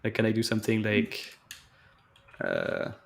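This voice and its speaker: A man's voice: on the low side, huge pitch swings, measured pace, vocal fry. A man hosting a live stream, casually walking through code and thinking aloud in a tentative, chatty way over a video call. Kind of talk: casual coding walkthrough.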